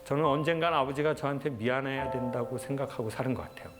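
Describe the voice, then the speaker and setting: Man giving a reflective storytelling lecture. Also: mid-range voice. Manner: earnest, reflective, speaks in short measured phrases. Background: background music.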